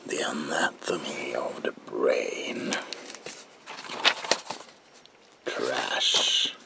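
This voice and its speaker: A man playing a manic, sinister comic-book villain as examiner in a whispered ASMR roleplay, with a gravelly, breathy voice and theatrical, unhinged delivery. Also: very deep voice, exaggerated voice. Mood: mocking. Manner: theatrical, drawn-out words with unhinged swings.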